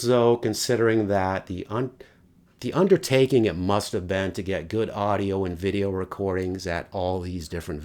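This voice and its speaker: A middle-aged man narrating a casual, wry review with occasional mild swearing. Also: low-pitched.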